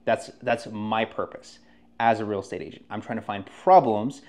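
A man's voice: lowish voice, normal speed, a little mellow. A man working as a real estate agent, talking casually and rambling with frequent restarts. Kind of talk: casual podcast talk.

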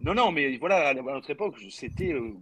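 A man, a former footballer talking as a guest in a casual chat, halting and full of fillers. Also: a little high, slightly rough, rough recording. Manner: relaxed, halting, many fillers and swearing.

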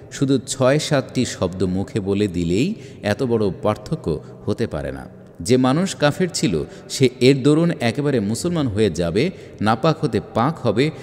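A man reading a religious book aloud in a measured, emphatic way, with rhetorical questions. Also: fairly low pitch, a little mellow. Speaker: audiobook reader. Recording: long hall reverb.

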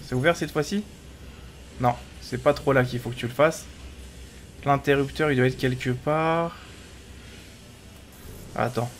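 A man's voice: mid-range voice, a little slow, pauses often. Man chatting through gameplay, noisy background. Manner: chatty, talking to himself. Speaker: gaming video host. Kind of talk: casual gameplay commentary.

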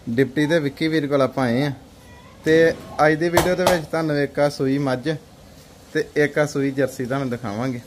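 A young man with a Punjabi accent hosting a casual livestock sale video in a farm cattle shed, asking brisk questions. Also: a little high, steady tone, noisy background.

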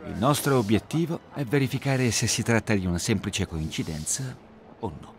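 An actor dubbing Sherlock Holmes in a game, a sharp detective who probes in a cool, ironic way. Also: male voice, lowish voice, normal speed, close to an everyday voice. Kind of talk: Italian game dub.

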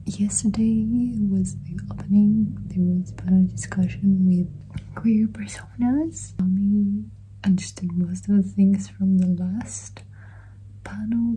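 A woman in her twenties from Greece, vlogging to a phone at arm's length in a small bedroom, her voice gone so she talks in a hoarse whisper. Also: medium pitch, a little hiss or hum, poor audio. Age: 20s. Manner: softly whispered, breathy delivery. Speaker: exchange student vlogger. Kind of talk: casual vlog talk to camera. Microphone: phone camera at arm's length.

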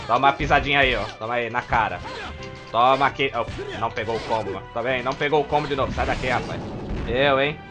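A man's voice: medium pitch, fast, over music. Frustrated Brazilian man narrating gameplay. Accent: Brazilian Portuguese. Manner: frustrated, swears often, repeats "ai, ai" under his breath. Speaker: gameplay commentator. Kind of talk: casual let's-play commentary.

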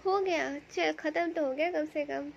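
High gravelly woman streaming a game. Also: measured pace, a little hiss or hum. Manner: greets viewers by name, reads chat aloud. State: slightly hoarse from a cough. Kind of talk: casual live-stream chat. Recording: dull lo-fi stream audio.

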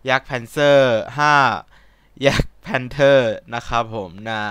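Young man, gaming host, close dry mic, clear voice, casual rambling commentary. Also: medium pitch, steady tone, drawn-out words, a bit bright, dry recording. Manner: chatty, rambling, polite Thai particles, asks himself questions.

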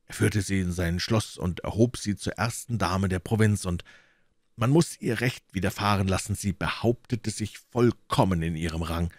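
A man reading a brooding, hard-drinking noble musketeer in an audiobook, with low, subdued, grim delivery. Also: normal speed, no room sound, studio quality. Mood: grim, bitter.

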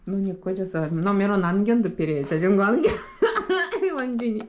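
A woman's voice: medium pitch, brisk, darkish tone, a little hiss or hum. A woman in her forties from Ukraine, a vlogging mother chatting casually with her family outdoors, doting and laughing often.

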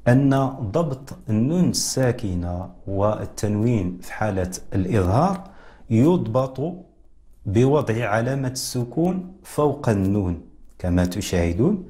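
A man hosting a televised lesson on Quran recitation, explaining rules in a measured way and addressing viewers directly. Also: lowish voice, mellow. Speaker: Quran recitation teacher, TV host.

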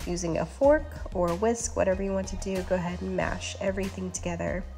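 A woman hosting a cooking channel, talking through recipe steps in a relaxed, instructive voice-over. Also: on the low side, quick pace. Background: faint background music.

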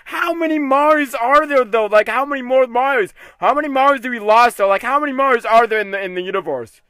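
High, bright-voiced man, excitable game commentator, prone to shouting at the character. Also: fast talker, dry recording. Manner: repeatedly tacks "though" onto sentences. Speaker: gaming video host.

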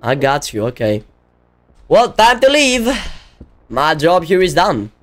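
A young man giving casual, excitable let's-play commentary, often yelling at the game. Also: a little high, slow, noisy background. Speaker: gaming video creator.

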